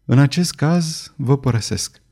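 Brief: man doing a reserved, sorrowful woman, hushed and dignified, mellow dark tone. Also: mid-range voice, lightly acted. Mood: quiet. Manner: quiet, dignified.

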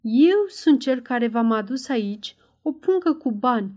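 A woman's voice: a little high, expressive, darkish tone, close to an everyday voice. A woman voicing a wary, earnest old male servant in an audiobook. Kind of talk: audiobook character voice.

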